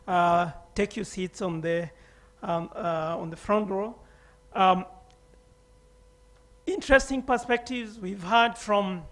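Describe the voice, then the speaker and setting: High-voiced man coaxing a conference crowd. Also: fairly bright tone. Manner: coaxing, encouraging the audience, many fillers. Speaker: session moderator. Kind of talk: moderating a conference panel.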